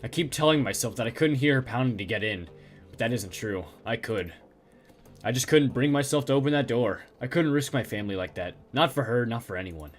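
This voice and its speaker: A man voicing a haunted middle-aged male survivor who speaks in a halting, stammering way. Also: medium pitch, lively intonation, soft background music, pitched below the performer's own voice, lightly acted. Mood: shaken.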